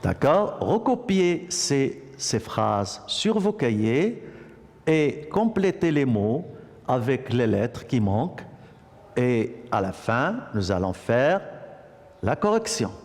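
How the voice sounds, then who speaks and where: A man teaching a French lesson to young children, repeating words slowly and praising the class often. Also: mid-range voice, big pitch swings, a little mellow, big-room sound. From Morocco. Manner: slow, repetitive, encouraging classroom delivery. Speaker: primary school teacher.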